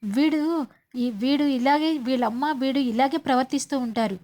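A woman's voice: high voice, normal speed, darkish tone, close to an everyday voice. A woman voicing a stern middle-aged father who scolds and demands answers in a serial retelling. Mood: angry.

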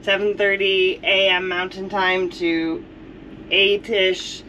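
A woman's voice: mid-range voice, flat delivery, bright, forceful tone. A woman in her thirties vlogging a road trip in casual, upbeat chat, filmed on a handheld camera. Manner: upbeat, chatty, quick to laugh. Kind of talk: casual travel vlog chat. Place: inside a motorhome and outdoors in a truck-filled parking lot at night. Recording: noisy road and parking lot background.

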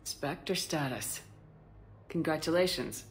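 A North American actress playing a composed, supportive military commander in a video game, measured and concise. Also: female voice, sits low, a little hiss or hum. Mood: supportive, calm. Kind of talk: naturalistic game dialogue acting.

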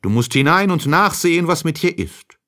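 A man's voice: a little high, big pitch swings, moderate pace, sharp tone, voice pushed up. A man voicing a concerned hunter in a fairy tale, thinking aloud in a raised voice. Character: passing male hunter, concerned.

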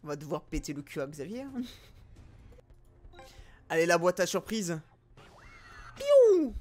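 Gaming host, man, excitable and jokey, loud outbursts, faint game music underneath. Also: a little high, measured pace. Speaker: gaming YouTuber. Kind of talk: excited gameplay commentary.

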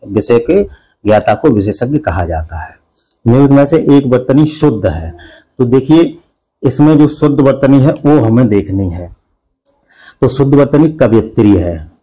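A man's voice: medium pitch, mellow, low-quality recording. A male teacher giving an exam-prep grammar lesson, explaining each answer step by step and answering his own questions. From India.

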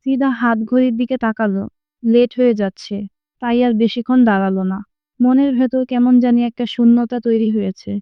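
Soft-voiced woman reading a story aloud. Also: fairly high pitch, clean tone, dry recording, highs cut off. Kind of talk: audiobook narration.

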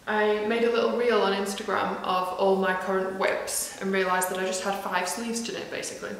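A woman's voice: medium pitch, fairly even intonation, a little fast. Chatty knitwear vlogger, woman, recorded on the camera mic in a large echoey room with faint background noise. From northwest England. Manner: chatty, self-deprecating, many ums and asides. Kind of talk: casual chat to camera.

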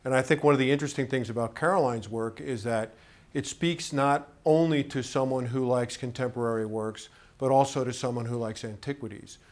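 A middle-aged man talks in an even, earnest way, full of admiration. He is recorded indoors in an office. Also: medium pitch, brisk. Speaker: art collector. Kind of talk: documentary interview.

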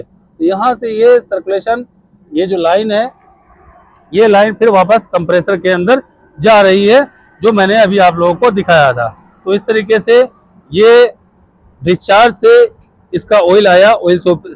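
A man in his thirties teaches on a rooftop next to a chiller, going through the parts step by step as he points them out. His voice sits high for a man. The phone recording is close and dry. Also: darkish tone, no room sound, poor audio. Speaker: HVAC instructor. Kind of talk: hands-on technical explanation. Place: outdoors on a rooftop beside a chiller unit. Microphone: phone camera held by a helper.

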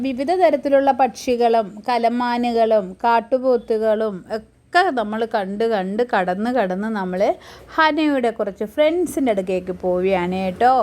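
A woman's voice: fairly high pitch, a little mellow. A woman narrating her family's outing in a casual, chatty voice-over, often checking in with her listeners. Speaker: vlogger and mother.

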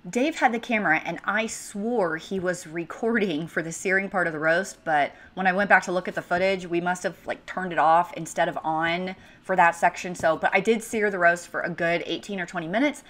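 Thirties, American home-cook host, chatty and upbeat, slightly low voice, casual kitchen voice-over. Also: female voice, brisk, few pauses, fairly bright tone. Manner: chatty, upbeat, conversational asides. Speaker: cooking channel host.

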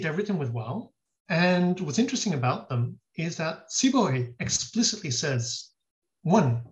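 A man, a guest scholar, explains at length in an interview, thinking aloud and restarting his sentences. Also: on the high side. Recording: dull lo-fi audio.

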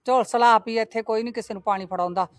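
A woman playing a scolding, suspicious older mother-in-law in a comic family sketch, shrill and nagging. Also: steady tone, fast talker, dry recording, clean studio sound, close to an everyday voice. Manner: shrill nagging, wailing complaints.

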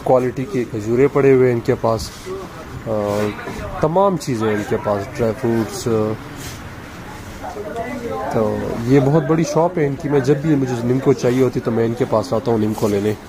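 A young adult man from Pakistan, a tired vlogger, chats casually with viewers while walking through a busy outdoor street market, holding his phone camera at arm's length. His mid-range voice moves at a moderate pace over a crowd, loud street noise and traffic in a low-quality recording.

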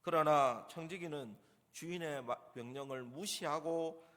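A man preaching a sermon as pastor in a church, dramatizing quoted lines with lively voices. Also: a little high, a little slow, long reverb tail. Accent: Gyeongsang dialect in acted asides. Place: church sanctuary.

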